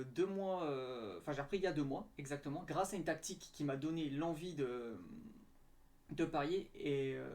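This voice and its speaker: A young man talks through a screen-share tutorial in a casual, halting way. He stops often for fillers and starts sentences over. His voice sits a little on the high side. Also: darkish tone. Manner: hesitant, many fillers and restarts. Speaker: betting tips youtuber.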